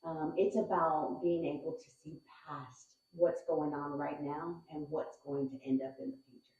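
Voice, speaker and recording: Woman guest from houston, dark mellow voice, real echoey dull sound. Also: low-pitched, steady tone, moderate pace. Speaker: guest panelist. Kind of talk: casual panel talk.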